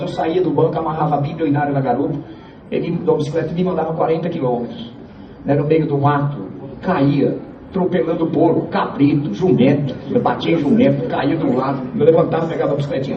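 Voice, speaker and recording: A man from Piauí, giving a church testimony to the congregation in an earnest, halting way and repeating his phrases. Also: on the high side, slight background noise. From Piauí, Brazil. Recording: echoey, distant, dull church recording.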